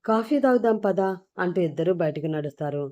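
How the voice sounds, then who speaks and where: A woman narrating an audio story in a steady, plain way. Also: fairly low pitch, brisk.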